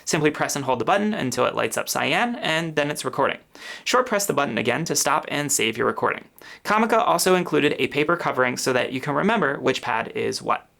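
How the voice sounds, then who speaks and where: A man's voice: a little high, expressive, brisk, gravelly, pushed and bright. A man hosting a gear review, explaining features step by step in a methodical way, speaking close to a podcast microphone at his home office desk. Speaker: gear reviewer and channel host. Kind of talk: product review walkthrough. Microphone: podcast microphone a couple inches from mouth.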